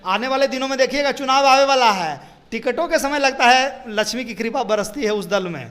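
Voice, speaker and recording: A political spokesman with a Bihari accent makes his arguments interview-style, his high voice fairly quick and a little bright. He leans on repetition to drive points home and peppers his speech with rhetorical questions.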